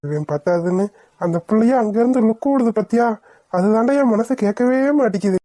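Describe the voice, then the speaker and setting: A woman's voice: medium pitch, brisk, warm tone, no room sound, clean studio sound, natural voice. A woman voicing teasing young men in a cartoon, joking and mocking one another. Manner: bantering, mocking. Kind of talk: cartoon voice acting.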